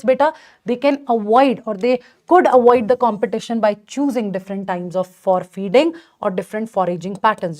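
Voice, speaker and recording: A woman's voice: fairly high pitch, warm tone. A woman with a North Indian accent giving an informal lecture as a teacher, emphatic, repeating key points and checking in with students. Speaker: biology teacher.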